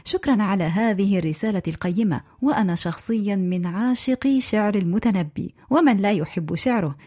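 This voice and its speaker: A female radio presenter reading listeners' contributions aloud in a clear, measured way. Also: mid-range voice, a little mellow.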